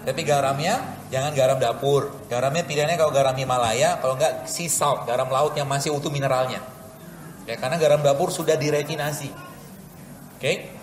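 A man's voice: medium pitch, steady tone, brisk. A man, a doctor, giving a chatty, joking live health talk with a cooking demo to an audience in a large hall. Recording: echoey hall with room noise.

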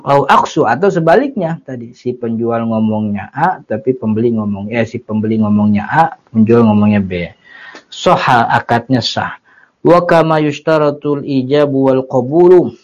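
A man's voice: medium pitch, darkish tone. Man teaching a religious text. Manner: explains Arabic text in colloquial Jakarta slang with chuckles. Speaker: Islamic teacher. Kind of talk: casual religious lecture. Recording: muffled lo-fi lecture recording.

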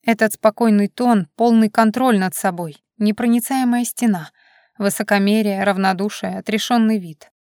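A woman narrating a romance novel audiobook in an expressive, dramatic reading style. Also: medium pitch, normal speed, no room sound, studio quality. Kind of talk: scripted narration.

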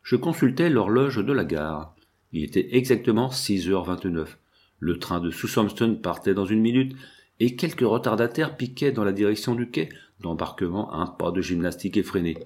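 A man reading a first-person novel aloud in a steady, measured way, lifting his tone for the quoted speech. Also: lowish voice. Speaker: audiobook reader. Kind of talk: scripted first-person narration.

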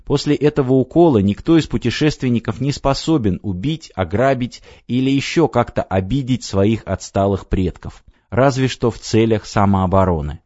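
A man narrating an audiobook in an expressive reading style. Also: mid-range voice, normal speed, dry recording. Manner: expressive, voices the characters. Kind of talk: scripted narration. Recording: dry, slightly dull audiobook recording.

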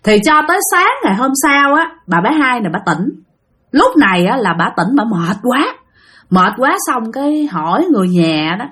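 A woman's voice: a little high, moderate pace. A woman telling a ghost story, talking straight to her listeners. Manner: animated, addressing listeners directly.

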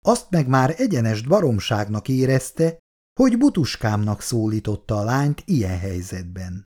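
A man reading a novel aloud in an expressive way. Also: medium pitch. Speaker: reader.

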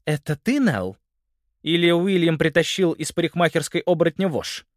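A man's voice: fairly high pitch, sing-song, brisk, no echo, clean studio sound, voice pushed up. Man doing a stern policewoman aunt. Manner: stern, commanding.

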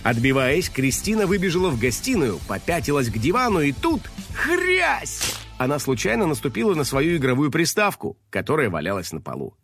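A man reading a children's story aloud in an expressive, animated way. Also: medium pitch, fast talker, few pauses, soft background music. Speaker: narrator.

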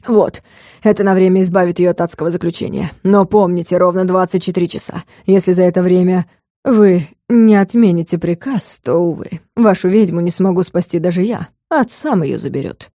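A woman's voice: fairly quick, warm tone, no room sound, clean studio sound, close to an everyday voice. A woman voicing a scheming, pompous male lord of hell in a storybook reading. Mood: grave. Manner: mocking, turns shrill and panicky.

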